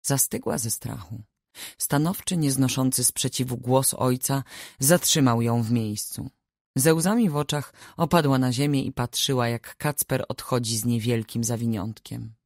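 A woman narrating a family saga audiobook in a measured, expressive reading on a close studio mic. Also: extremely low pitch, no echo. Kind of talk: scripted narration.

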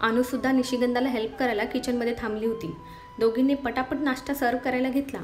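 A woman reading a love story aloud as narrator, in an even storytelling manner. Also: fairly high pitch, fast, echoey room, soft background music.

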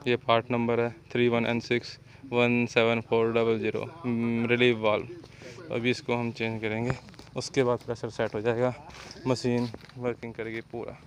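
A man's voice: mid-range voice, monotone, normal speed. Man explaining an excavator repair. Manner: explains step by step, calls out short commands to a helper. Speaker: excavator mechanic. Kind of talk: hands-on repair demonstration. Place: outdoors at a worksite beside an excavator.

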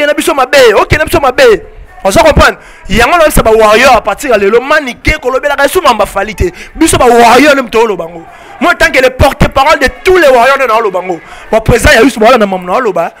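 A man's voice: very high-pitched, fairly bright tone. A Congolese man in his thirties with a Congolese French accent mixed with Lingala, speaking emphatically as a fan club spokesman into a handheld mic outdoors. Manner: emphatic, rapid French-Lingala mixing, repeats "on se comprend". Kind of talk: heated interview answers. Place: outdoor porch of a building. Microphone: handheld mic held by interviewer.

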